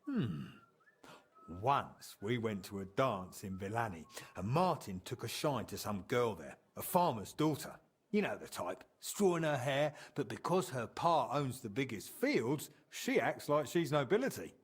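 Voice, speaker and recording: A medieval townsman in a video game tells amused stories about an old drinking buddy, colloquially acting out the quotes with animated flair. He has a husky, medium-pitched voice and a measured pace.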